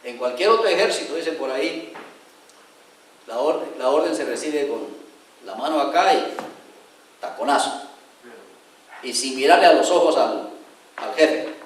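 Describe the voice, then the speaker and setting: A man's voice: medium pitch, lively intonation, a little slow, long pauses, heavy reverb, recorded from a distance, a little hiss or hum, low-quality recording. A man preaching a sermon as pastor, telling stories animatedly, acting out voices and putting direct questions to the congregation.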